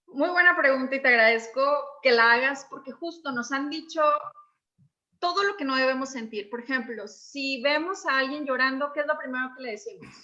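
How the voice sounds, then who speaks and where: A woman coach explaining emotions in an expressive, conversational way, acting out little dialogues. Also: high-pitched, a little fast, highs cut off.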